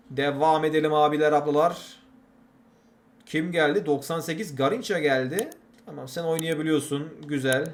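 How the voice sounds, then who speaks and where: A young man hosting a gaming channel, giving chatty, exasperated commentary while playing a football game. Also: a little high. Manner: exasperated, chatty, keeps repeating catchphrases.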